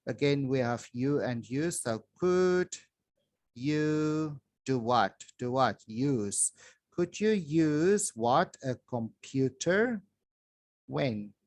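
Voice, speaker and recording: A man teaching English to children, reading a grammar worksheet aloud slowly with long pauses, recorded on a phone over a desk. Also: on the high side, a little mellow, dry recording. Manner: slow, drawn-out reading with pauses. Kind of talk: slow worksheet walkthrough for children. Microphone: phone filming a worksheet from above.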